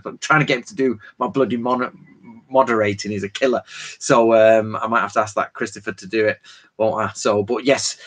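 A man's voice: fairly low pitch, a bit bright. A man, hosting a casual live Q&A and rambling chattily from one tangent to the next. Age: 40s. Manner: informal slang and frequent fillers. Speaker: host of a live Q&A stream. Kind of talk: casual live-stream Q&A lecture.

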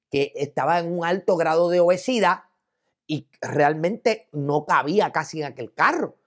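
A Puerto Rican man delivers opinion commentary in a lively, swooping voice. He tells a personal story and slips into the voices of the people in it. His delivery is casual and expressive. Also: high-pitched. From Puerto Rico. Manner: animated storyteller who acts out quoted voices.

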